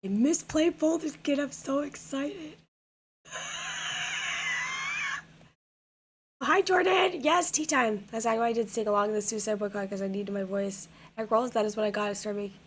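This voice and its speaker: Hoarse young woman streamer rambling. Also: a little high, fairly quick, few pauses, a little hiss or hum. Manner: rambling, filler-heavy, repeats words. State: hoarse, losing her voice. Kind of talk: casual chat with viewers. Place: home gaming room.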